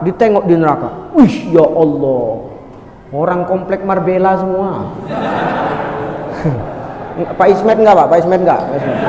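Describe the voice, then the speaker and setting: A man's voice: very high voice, a little hiss or hum. A man preacher giving a jokey storytelling sermon, talking straight to the crowd as sir and madam. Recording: echoey hall reverb.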